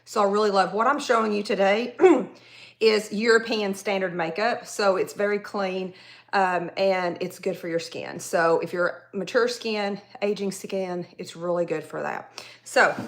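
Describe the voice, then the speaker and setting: A woman's voice: medium pitch, fairly bright tone. A woman in her forties from Tennessee with a Southern accent, chatting casually with viewers while she does her makeup on a livestream. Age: 40s. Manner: chatty, rambling, addresses viewers directly. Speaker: makeup artist livestream host.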